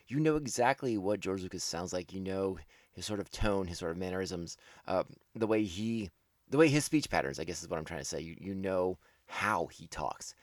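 A man with a low, deep voice talks through a casual podcast commentary, circling back and correcting himself as he goes. His fan enthusiasm comes through, and he laughs at his own slips. The sound is dry and close, with no room around it. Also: a little mellow, no room sound. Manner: rambling, with frequent restarts and self-corrections.

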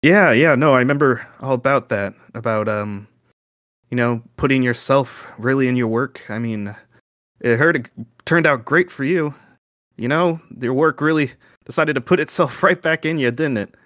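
A man's voice: medium pitch, moderate pace, fairly bright tone, dry recording, clean studio sound, natural voice. Man playing a flustered, sarcastic young adventurer son. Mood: bitter, sarcastic. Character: rattled, sarcastic son lost and searching for friends. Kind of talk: improvised tabletop role-play.

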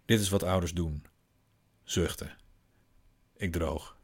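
Low voice dad telling his own story, dry and wry, unhurried. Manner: calm, wry, observant. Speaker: father and narrator. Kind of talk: literary first-person story narration.

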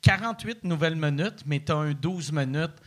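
A man with a Québécois accent hosting a casual interview podcast, playful and teasing. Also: fairly high pitch. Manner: playful, teasing, quick backchannel. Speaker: podcast host.

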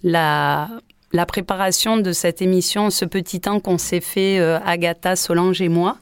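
A woman's voice: on the low side, steady tone, unhurried, clean tone, no room sound. A woman guest in a radio studio, speaking earnestly and telling stories about her community work. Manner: earnest, storytelling. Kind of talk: live radio discussion.

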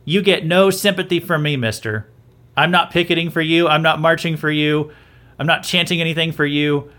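Man host, bright tense tone, slightly higher voice, chatty opinion talk with restarts. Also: normal speed. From southern United States. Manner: conversational, repeats himself and restarts often. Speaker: podcast host. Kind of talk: opinionated commentary.

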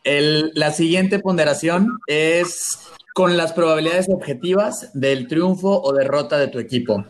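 A man's voice: a little high, a little slow. A man co-hosting a casual talk, laying out study figures in a methodical way. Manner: methodical, walks through figures. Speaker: co-host. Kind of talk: explaining study data in casual chat.

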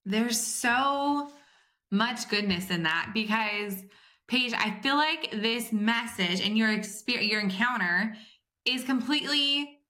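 A woman's voice: fairly high pitch, expressive, slow pace, sharp tone. A woman hosting a faith podcast, responding to her guest in an affirming, conversational way and speaking directly to her listeners. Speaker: podcast host.

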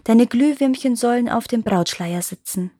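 A woman reading the part of a poor, diligent seamstress in a storybook tale, speaking a little higher and earnestly. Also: normal speed, dark tone, dry recording, studio quality, lightly acted.

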